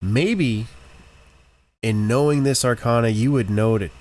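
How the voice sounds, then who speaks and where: A man running a tabletop game as game master, narrating and ruling on rolls in a relaxed, joking way. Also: mid-range voice, a little slow.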